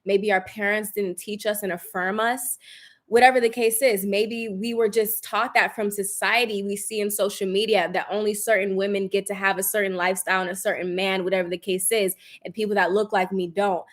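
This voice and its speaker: At home, a woman addresses viewers casually but emphatically in a self-help coaching style, encouraging them and repeating phrases to drive points home. Her medium-pitched voice is steady and a little fast.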